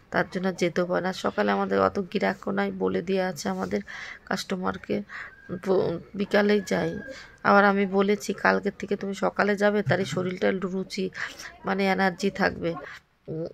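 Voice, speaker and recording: A middle-aged woman chatting casually while she cleans her home, speaking softly and wearily, short of breath. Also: fairly low pitch, vocal fry. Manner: soft, tired, talks slowly. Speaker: vlogger.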